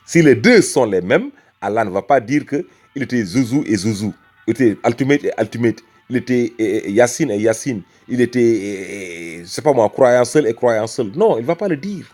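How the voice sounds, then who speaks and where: With faint music in the background, a man from Senegal argues a religious point passionately, calling the listener brother and repeating phrases for emphasis. His medium-pitched voice is animated and a little mellow, at a moderate pace.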